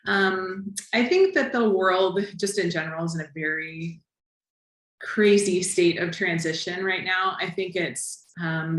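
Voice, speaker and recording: A woman's voice: fairly low pitch, a bit bright. A woman speaking on a panel in an upbeat way, with frequent fillers. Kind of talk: panel discussion. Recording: echoey room.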